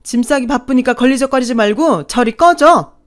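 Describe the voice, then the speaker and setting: A woman voicing a harsh stepmother who coldly scolds and shouts. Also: on the high side, big pitch swings, moderate pace. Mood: cold, yelling. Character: harsh stepmother, cold and angry.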